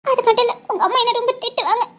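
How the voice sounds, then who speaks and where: A woman's voice: very high-pitched, fairly even intonation, very fast, fairly bright tone. A woman voicing a timid young woman who pleads and stammers in an amateur audio drama. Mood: scolding. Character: timid young woman, scared yet stubborn. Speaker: young woman resisting a suitor.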